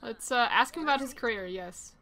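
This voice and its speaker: A woman's voice: fairly high pitch, lively intonation, brisk, sharp tone. A young woman chatting casually as she plays a life-simulation game, rambling and reacting with surprise. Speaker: let's play host. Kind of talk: casual gameplay commentary.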